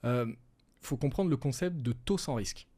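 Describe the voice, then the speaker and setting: Mellow-voiced man explaining patiently. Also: medium pitch, animated, normal speed. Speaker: wealth management advisor, guest. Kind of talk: casual explanatory interview talk.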